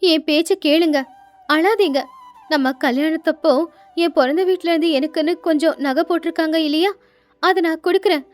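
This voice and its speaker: A devoted young wife from a storybook, gentle and pleading as she cares for her struggling husband, played by a woman narrator. The voice is high-pitched, and faint music plays behind it. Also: normal speed. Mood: comforting. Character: caring, devoted young wife of a poor fisherman.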